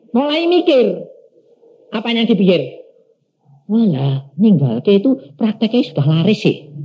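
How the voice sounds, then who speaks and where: An older male preacher tells a sermon testimony, acting out both sides of a dialogue in shifting voices. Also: high-pitched. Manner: animated storytelling, acting out dialogue in changing voices. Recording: dull lo-fi sermon recording.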